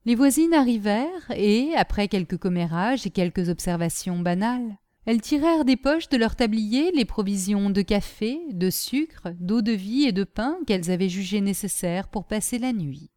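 A woman reading a classic story aloud in a measured, even way. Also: mid-range voice, no room sound, studio quality. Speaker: audiobook narrator. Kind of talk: scripted storybook narration.

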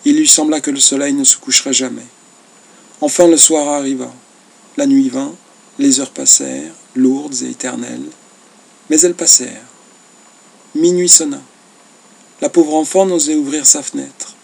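A man narrating a classic novel as an audiobook in a measured, expressive reading. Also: mid-range voice, gravelly, slightly rough.

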